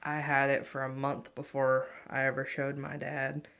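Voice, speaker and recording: A woman's voice: very deep voice, monotone, normal speed, a bit bright, clean tone. A woman in her twenties chatting casually to viewers in a rambling, self-deprecating, offhand way. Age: 20s. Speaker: vlogger.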